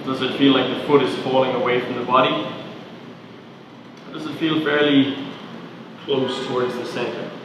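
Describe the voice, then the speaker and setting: Male movement coach, calm guided body-scan cues, distant mic, roomy reverb. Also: medium pitch, moderate pace, long pauses, background noise. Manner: calm, questioning, step-by-step cues. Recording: echoey roomy sound from far off.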